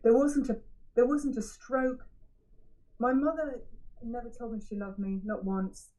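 A woman giving a frank, self-examining personal share at a recovery meeting, halting and often restarting her sentences. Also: on the high side, fairly even intonation, warm tone, rough recording. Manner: halting, searching for words with frequent restarts. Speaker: member sharing at a recovery meeting. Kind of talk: personal share, candid reflection.

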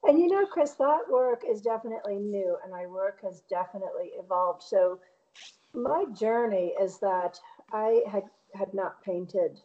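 Middle-aged woman, New England American, soft-edged mellow tone, chatty and reflective interviewee on slightly lo-fi audio. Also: mid-range voice, animated, normal speed. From Connecticut, United States. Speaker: painter interviewed as guest. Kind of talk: casual conversational interview.

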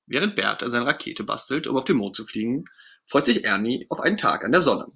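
A man narrating a children's storybook in a lively, playful way. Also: mid-range voice, a little fast, creaky.

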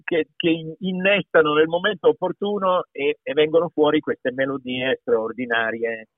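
A man's voice: on the high side, moderate pace. A middle-aged man with a Piedmontese accent, a voice actor speaking emphatically in an interview. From Piedmont, Italy. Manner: emphatic, repeats words, animated. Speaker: voice actor guest. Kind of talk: conversational interview. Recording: tinny phone-like call line.

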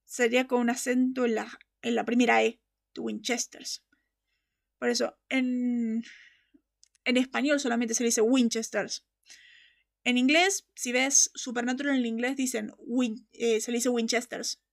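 Passionate woman podcast host, high voice with a gravelly edge, emphatic and quick to laugh. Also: flat delivery. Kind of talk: casual fan-show chat.

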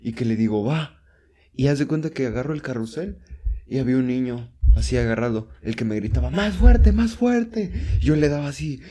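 A man's voice: fast, dark tone. A young Mexican man co-hosting a casual chat, rambling through stories and acting out quoted voices. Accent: Mexican Spanish. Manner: rambling storyteller, acts out shrill quotes. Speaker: co-host.

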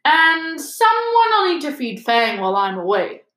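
A woman voicing a huge, shaggy, hot-tempered man in a storybook, gruff and blunt. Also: mid-range voice, lively intonation, moderate pace, fairly bright tone, echoey room, lightly acted, poor audio. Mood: stubborn, gruff. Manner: gruff, blunt, roaring and growling. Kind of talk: storybook character voice.

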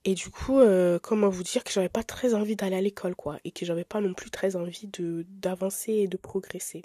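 A young woman who grew up in Italy, hosting a podcast in a candid, expressive, chatty way with frequent filler words. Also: medium pitch, fairly quick, no echo, studio quality. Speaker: podcast host. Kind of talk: casual podcast monologue.

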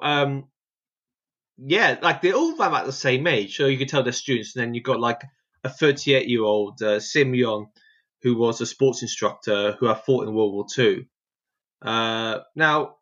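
A man's voice: mid-range voice, fairly bright tone, muffled recording. A man co-hosting a podcast in casual chat, rambling and hesitant with many fillers. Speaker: podcast co-host. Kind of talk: casual conversation.

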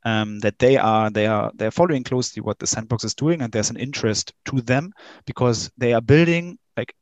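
Man giving a halting interview. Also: mid-range voice, no echo. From Germany. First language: German. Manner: halting, many fillers and restarts. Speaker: interview guest, game company staff. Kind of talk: casual interview answers.

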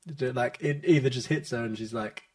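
A man's voice: medium pitch, fairly quick, darkish tone. A British man chatting casually on a podcast in a hesitant, loosely rambling way. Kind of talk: casual chat.

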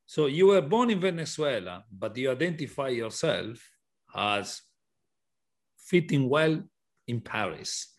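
A man's voice: mid-range voice, sing-song, measured pace. A male podcast host with a mid-range voice asks questions in casual chat. His speech wanders, full of restarts and repeated words. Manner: rambling, repetitive restarts.

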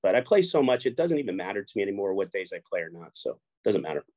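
A middle-aged Chicago man who runs a poker show speaks as a guest in a low-ish, slightly mellow voice, racing along and very animated. His casual talk rambles, full of repeated words and liberal swearing. No room sound is audible.

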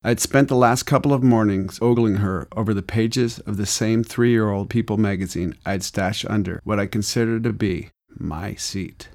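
Male memoir narrator from Arizona, low voice, wry and gritty delivery. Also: moderate pace, hardly any pauses, darkish tone.

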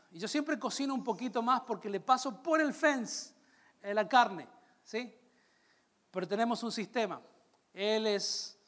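A Latin American man preaching a sermon, calling out to his congregation and slowing down on key phrases. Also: sits high, a bit bright. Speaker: pastor.

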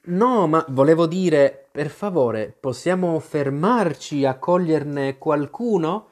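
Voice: mid-range voice, huge pitch swings, measured pace, darkish tone. A reader voicing a polite, curious little girl in a storybook reading. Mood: earnest. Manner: polite and earnest.

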